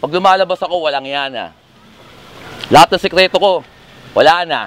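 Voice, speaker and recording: A man's voice: on the high side, moderate pace. A man freestyling conversational, comedic battle rap banter in a teasing, profane manner. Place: live battle rap event. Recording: noisy urban ambience with vehicles.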